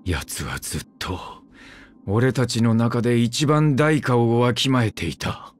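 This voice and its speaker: In a natural voice, a man plays a weary, brooding immortal swordsman for game voice lines. He's animated yet a little slow, keeping his phrases terse, clipped, low, curt and grim.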